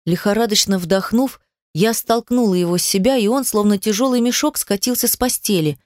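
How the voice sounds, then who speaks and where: A woman's voice: medium pitch, brisk, darkish tone, no room sound, studio quality. A woman giving emotional first-person narration of a dramatic story in a tearful tone. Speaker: audiobook narrator.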